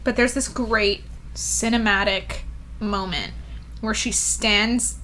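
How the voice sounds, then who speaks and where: A young woman co-hosting a book podcast in excited casual chat, swearing freely and saying "like" a lot. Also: mid-range voice, takes it slowly. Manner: excited, animated, swears casually, says "like" often. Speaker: podcast co-host.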